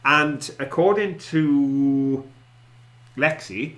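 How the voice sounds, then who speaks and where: A man's voice: on the high side, drawn-out words, a bit bright. Echoey Welsh Valleys man chatting. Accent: South Wales Valleys. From South Wales Valleys. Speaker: co-host of an online show. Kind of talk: casual chat with viewers. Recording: roomy, echoey indoor sound.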